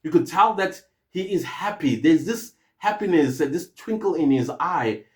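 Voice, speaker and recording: A man's voice: a little high, lively intonation, normal speed, darkish tone. A man with a South African accent hosting a podcast, talking to his viewers in an earnest, rambling way and often stopping to hesitate and restart. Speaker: podcast host. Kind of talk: casual podcast monologue.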